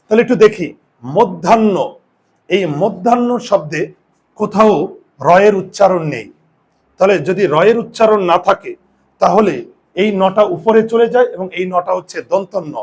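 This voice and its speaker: A man's voice: high-pitched, moderate pace, pauses often, husky. A male Bengali grammar teacher giving a classroom spelling lesson, explaining step by step and answering his own questions, with students in the room.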